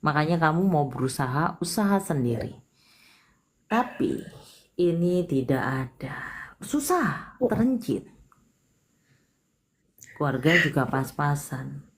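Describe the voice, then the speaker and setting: A woman's voice: low-pitched, a little slow, slight background noise. A woman hosting a live palm reading, talking soothingly and calling the caller dear. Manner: soothing, calls listener sayang often. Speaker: palm reader host. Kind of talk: live stream reading and consoling.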